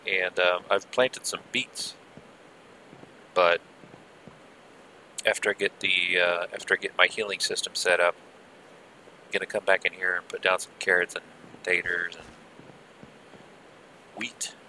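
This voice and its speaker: A man giving casual, rambling live gameplay commentary with muttered asides, heard through low-quality stream audio from an old headset. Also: flat delivery, measured pace, pauses often, pushed and bright, slight background noise. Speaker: game server streamer.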